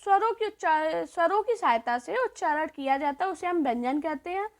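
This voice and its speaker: Very high-pitched and animated, a woman leads a grammar lesson where she questions herself and responds. She goes over every point twice and lengthens the sounds deliberately.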